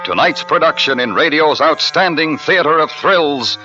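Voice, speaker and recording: A man introducing a radio drama in a booming, theatrical announcer style. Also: animated, normal speed. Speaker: show announcer. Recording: dull old radio broadcast with loud music.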